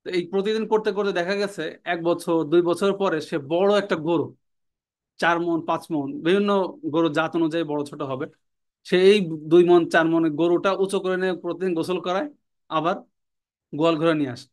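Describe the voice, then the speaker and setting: Male teacher, slightly raised pitch, slow repetitive drilling, online lesson. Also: steady tone, smooth. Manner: repeats words and meanings slowly, drilling. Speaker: Arabic language teacher.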